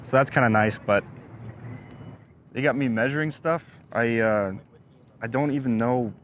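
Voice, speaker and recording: A young man plays a nervous new hire who stammers and hesitates at a middle pitch. Faint traffic sounds behind him outdoors. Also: normal speed, close to an everyday voice. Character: nervous, clueless new male worker.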